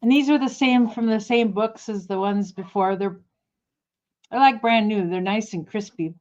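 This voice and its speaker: A woman's voice: medium pitch, normal speed, a little mellow, muffled recording. A woman running a casual live online auction, chatting in a rambling way and correcting herself as she goes. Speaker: livestream auction seller. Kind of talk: casual live-sale chat.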